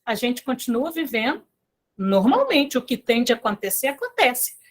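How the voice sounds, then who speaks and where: A woman's voice: on the high side, big pitch swings, moderate pace. A woman giving an informal spiritual talk to a study group, telling stories in a chatty way with asides to her listeners. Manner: chatty, storytelling with filler tags and asides to listeners. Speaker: lay speaker at a spiritist center.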